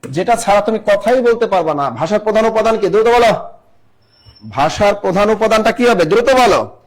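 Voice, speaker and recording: Man, high voice, live class teacher, repeats questions, urges quick answers. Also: expressive. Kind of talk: live online exam-prep class.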